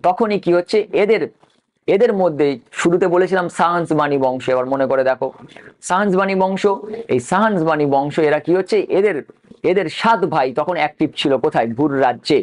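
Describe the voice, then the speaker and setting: A man's voice: fairly high pitch, fairly quick. A male history teacher giving an exam-prep lecture, dictating names letter by letter and asking and answering his own questions.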